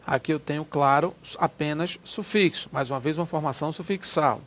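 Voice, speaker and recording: A man's voice: a little high, fairly bright tone, slight background noise. A man explaining exam grammar questions, stretching key words and checking in with listeners often. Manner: explanatory, drawn-out stressed words, frequent "né?" checks. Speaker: Portuguese grammar teacher. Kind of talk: exam-prep lecture walking through test questions.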